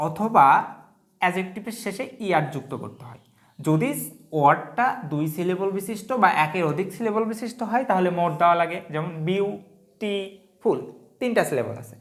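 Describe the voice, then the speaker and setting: A woman with a low voice takes the class through grammar one step at a time. She keeps putting questions to her students as she goes. Her voice rings around an echoey room. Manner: explains step by step, often asks the class questions. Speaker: English teacher. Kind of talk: exam-prep grammar lesson.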